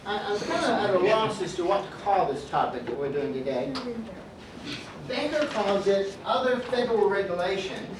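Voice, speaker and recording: A man's voice: high voice, animated, normal speed, distant mic, noisy background. Man lecturing in an echoey classroom. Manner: joking, calls on students by name. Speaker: business law professor.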